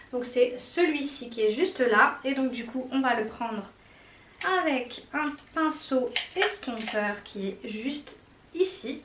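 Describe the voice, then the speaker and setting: A woman doing a casual makeup tutorial, chatty and enthusiastic with many fillers and little exclamations. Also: on the high side. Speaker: beauty vlogger. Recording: roomy echo, mic at a distance, faint noise.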